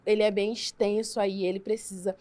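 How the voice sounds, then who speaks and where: A woman's voice: medium pitch, little pitch movement, brisk, dark tone. A woman teacher with a Brazilian Portuguese accent giving a recorded lesson, explaining step by step and often checking in with her listeners.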